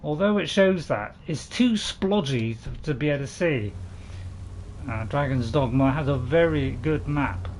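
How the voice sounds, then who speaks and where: Brief: male gaming host, chatty rambling commentary with excited outbursts, slightly high pitch. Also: measured pace, a little hiss or hum. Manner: chatty and rambling, with sudden loud excited shouts. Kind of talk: casual gameplay commentary.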